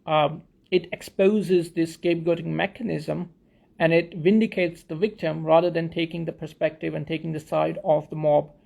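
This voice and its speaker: A man from Pakistan talks through a theory to his viewers in a thoughtful, explanatory way. His voice sits a little high for a man and has a gravelly, fry-tinged edge. He often stops, restarts and repeats small words while he works out his phrasing. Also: mellow. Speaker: video essayist. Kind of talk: explanatory talk to camera.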